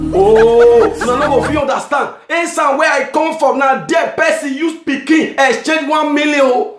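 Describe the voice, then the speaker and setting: High-voiced shouting Nigerian comedian man. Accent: Nigerian Pidgin. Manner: shouting punchlines, laughing at own jokes. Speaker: stand-up comedian. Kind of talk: comic monologue. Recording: echoey room with music behind.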